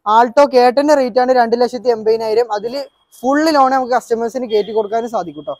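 Young man, mix, quick delivery, car showcase host, question-and-repeat manner, dry lapel mic sound. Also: extremely high pitch, a little mellow, no echo. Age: young adult. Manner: mixes English words into Malayalam; asks questions and repeats answers back. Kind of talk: conversational used-car walkaround presentation. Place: open-air car lot. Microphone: clip-on lapel mic.

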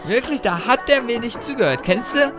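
A man voicing a dim-witted adult male game character who rants in a high, loud, whiny voice over game music. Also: expressive, a little fast. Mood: indignant whining. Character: dim, indignant adult male Sim ranting. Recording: game music playing behind.

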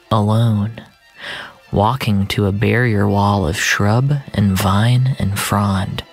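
A narrator with a mid-range voice reads scripted first-person fiction in a measured, literary storytelling style, with music in the background.

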